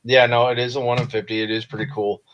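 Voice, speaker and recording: A man's voice: medium pitch, little pitch movement, fast talker, a bit bright. A man co-hosting over a video call, laid-back and swearing, with many restarts. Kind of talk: casual chat. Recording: dull lo-fi video call audio.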